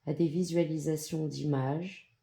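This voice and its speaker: A gravelly, androgynous, mid-range voice guides a yoga nidra practice in an extremely mellow, relaxed tone. Slow and calm, the soft narration gives short, soothing instructions in measured phrases with generous pauses between them.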